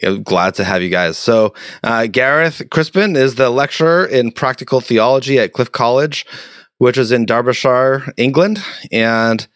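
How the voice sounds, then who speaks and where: A man's voice: mid-range voice, normal speed, a bit bright, no echo, clean studio sound. A man with a Boston accent hosting a podcast interview in a chatty, self-deprecating way over a video call. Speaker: podcast host. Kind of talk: casual interview.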